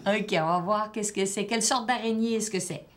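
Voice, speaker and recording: A woman teacher leads a one-on-one reading assessment with a child. She asks patient, probing questions and encourages the child. Her voice sits at a middle pitch. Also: normal speed.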